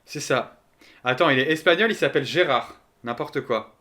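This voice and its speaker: A man's voice: medium pitch, moderate pace, sharp tone. A man streaming live, chatting casually and joking as he thinks aloud and answers his chat.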